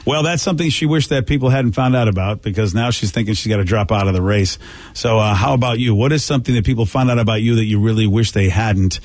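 A man's voice: fairly low pitch, dry recording. A man co-hosting a radio show, chatting casually and taking listener calls. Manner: animated, quick-talking.

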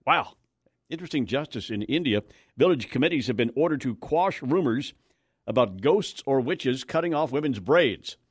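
A man's voice: mid-range voice, expressive, normal speed, a little mellow, slightly rough, no echo, studio quality. An American man hosting morning radio news, reading items and adding wry, conversational asides.

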